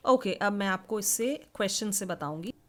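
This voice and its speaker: Slow-paced Indian woman teaching a class. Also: mid-range voice. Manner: slow deliberate reading of English definitions, quicker Hindi explanations. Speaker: English teacher. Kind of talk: online class lesson.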